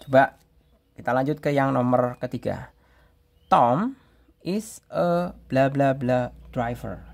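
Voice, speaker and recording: A male English teacher from Indonesia, explaining grammar step by step and reading example sentences slowly aloud. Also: medium pitch, gravelly.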